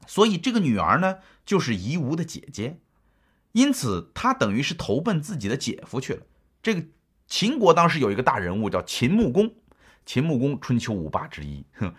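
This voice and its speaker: Middle-aged male history lecturer, chatty storyteller with a husky voice and very lively intonation. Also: medium pitch. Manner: chatty, asks the listener rhetorical questions.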